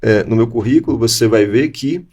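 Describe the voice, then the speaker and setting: A Brazilian man in his forties from Bahia, a law professor appearing as an interview guest, looks back on his career in a conversational way. His mid-range voice has a dark tone and moves at normal speed, with dull audio, and his accent blends Bahian and Gaúcho Brazilian Portuguese. He tells his story reflectively, restarting often.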